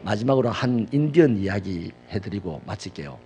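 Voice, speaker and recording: A male pastor preaching a sermon, telling personal stories dramatically, swinging from loud outbursts to hushed asides. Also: fairly low pitch, very animated, brisk, breathy edge.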